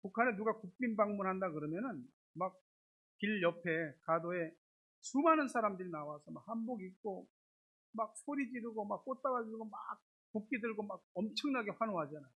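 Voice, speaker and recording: A man's voice: high-pitched, lively intonation, brisk, slightly rough, phone-quality sound. A male pastor giving a Sunday sermon in a chatty, conversational way, often piling up filler words. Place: church sanctuary.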